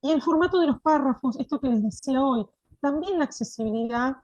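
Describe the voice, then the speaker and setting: A woman's voice: high-pitched, lively intonation, fairly quick, darkish tone, no room sound, muffled recording. Woman lecturing, checking in often. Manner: explanatory, frequent checking "¿sí?". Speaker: course instructor. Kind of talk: online teacher-training lecture.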